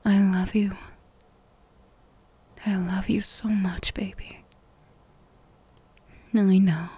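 A woman whispering in a soft, affectionate, soothing manner in a comfort roleplay. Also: medium pitch, flat delivery, extremely slow, breathy edge. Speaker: ASMR roleplay performer.

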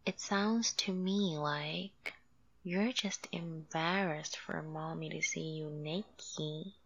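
A woman voicing a doting, coaxing mother figure in an audio roleplay. She speaks softly and drifts into whispers. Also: low-pitched, gravelly, dry recording, exaggerated voice. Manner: slow, soothing, coaxing with soft laughs. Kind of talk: soft-spoken audio roleplay, half whispered. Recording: dull lo-fi recording.

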